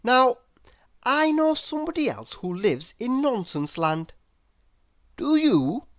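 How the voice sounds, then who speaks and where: Reading a children's story aloud, this woman speaks slowly in a slightly high, very animated voice. Her narration is expressive, and she asks the listener questions along the way.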